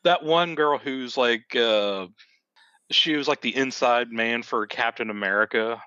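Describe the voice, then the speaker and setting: Man, hesitant podcast co-host, bright tone, dry close mic. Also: medium pitch, measured pace, clean tone, no echo, dull audio. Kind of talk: casual movie review chat.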